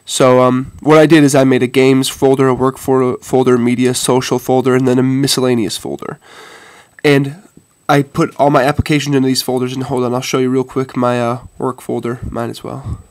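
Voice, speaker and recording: A man's voice: mid-range voice, level tone, brisk, a little mellow, no echo. A man sick with a head cold and a stuffy nose, giving a casual, hesitant tech tutorial to viewers. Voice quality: congested, stuffy-nosed. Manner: hesitant, informal, addresses viewers as "guys". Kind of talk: casual phone demonstration.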